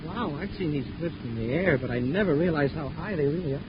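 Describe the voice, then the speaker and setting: An excitable young male space cadet played by an actor speaks in a boyish, fairly high voice. The 1950s radio serial recording is muffled and clearly noisy. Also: fast, close to an everyday voice. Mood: amazed, eager. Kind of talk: 1950s radio drama acting.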